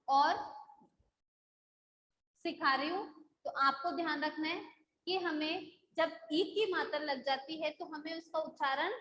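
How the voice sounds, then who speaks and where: A woman's voice: high-pitched, a bit bright, roomy sound, a little hiss or hum, rough recording. A woman school teacher taking a live online class, patiently drilling syllables and checking that the students follow.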